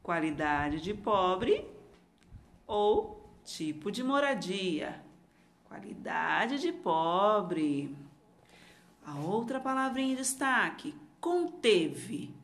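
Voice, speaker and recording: Animated Brazilian woman teaching slowly. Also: mid-range voice. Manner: instructive, asks questions and answers them. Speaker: primary school teacher. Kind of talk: lesson for young children.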